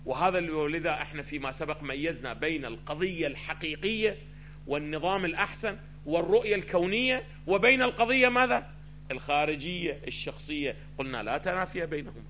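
A man teaching a theology lesson, asking his listeners questions and answering them himself, swinging between loud stressed phrases and quiet asides. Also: on the high side, animated, quick pace, a little hiss or hum. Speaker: religious teacher. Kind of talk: theology lecture mixing classical and colloquial Arabic.

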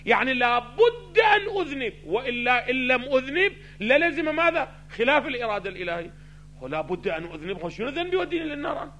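A man teaching a theology lesson, asking his listeners questions and answering them himself, swinging between loud stressed phrases and quiet asides. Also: extremely high pitch, very animated, fast, a little hiss or hum. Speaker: religious teacher. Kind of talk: theology lecture mixing classical and colloquial Arabic.

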